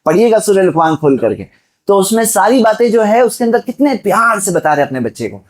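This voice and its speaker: A man's voice: high voice, big pitch swings. Exhorting preacher, man. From Mumbai, India. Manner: exhorting, with rhetorical questions and direct address to the listeners. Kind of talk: Friday sermon.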